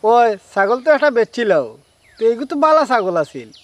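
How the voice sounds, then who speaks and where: A man's voice: extremely high pitch, lively intonation, fairly quick. A man with a Sylheti accent playing a chatty, friendly village friend in a comedic drama.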